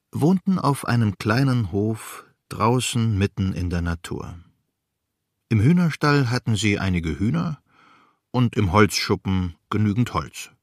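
A man in his sixties narrating a children's storybook in a calm, even manner. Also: medium pitch, dry recording, clean studio sound.

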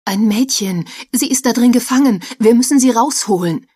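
A woman voicing a panicked young man who shouts breathlessly to save someone trapped in a fire. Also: fairly high pitch, normal speed, husky, no room sound, clean studio sound, voice pushed up. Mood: frantic.

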